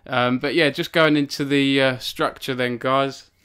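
Chatty young man, smooth clear voice. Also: medium pitch, fairly even intonation, a little slow, fairly bright tone. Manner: rambling, filler-heavy, self-deprecating. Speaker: author hosting a book launch stream. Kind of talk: casual live stream chat. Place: home log cabin.

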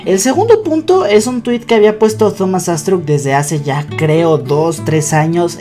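Background music plays as a young man records fan commentary to camera in a small bedroom, addressing his viewers directly in a scripted-feeling style. He's a young adult YouTuber whose voice is a little high and a little mellow.

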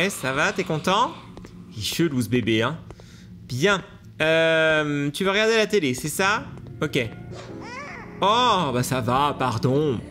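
A man commentating a video game to his viewers, excitable and laughing often, with hiccups. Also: on the high side. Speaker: gaming YouTuber. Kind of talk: let's play commentary.

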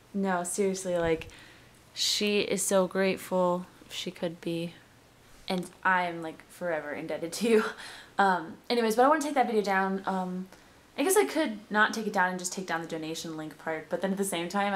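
A young woman talking casually in a vlog, chatty and giggly. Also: mid-range voice. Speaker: vlogger. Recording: faint hiss.

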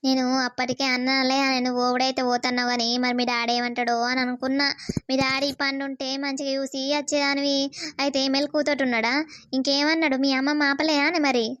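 A woman voicing a bossy middle-aged village mother-in-law who lectures and scolds rapidly. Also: high-pitched, level tone, fairly bright tone, clean tone, no room sound. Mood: lecturing. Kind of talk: cartoon voice acting. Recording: slightly dull lo-fi sound.

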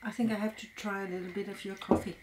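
A woman's voice: medium pitch, level tone, fast talker, very noisy. A woman from Denmark, a native Danish speaker, chatting casually as she tastes food. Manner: chatty, eating while talking. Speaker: co-host tasting food. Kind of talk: casual chat.

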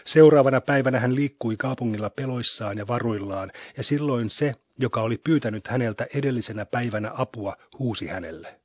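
Husky-voiced man reading scripture solemnly. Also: mid-range voice, hardly any pauses, a little mellow, no echo, studio quality. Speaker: scripture reader.

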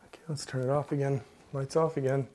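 A man investigating a haunting, jumpy and excitable, swearing when startled in casual ghost-hunting chat. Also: mid-range voice, quick pace. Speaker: paranormal investigator.

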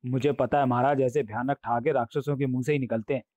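A man's voice: mid-range voice, steady tone, fast talker, a little mellow, dry recording, muffled recording, close to an everyday voice. Man voicing a sly cheeky courtier, wisecracking, dry close sound. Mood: nervous. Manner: wisecracking and sly, mocking quips. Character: cunning, cheeky male courtier, sly and cowardly.

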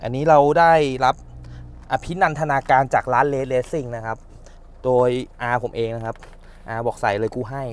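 A man's voice: medium pitch, normal speed, clear, resonant tone. Man mechanic demonstrating, grunting with effort. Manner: grunts with effort while working, chatty. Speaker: car mechanic and channel host. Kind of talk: casual how-to demonstration.

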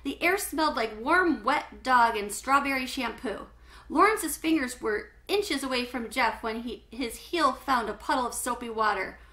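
A middle-aged woman reads a children's book aloud in a small home living room, speaking at a normal speed. Her voice is bright, forward, and a little high, and she phrases things clearly while telling the story in an animated, expressive way.

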